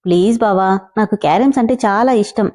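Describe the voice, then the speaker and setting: A woman voicing a cheerful, playful young woman who pleads and gets excited. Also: medium pitch, brisk, lightly acted.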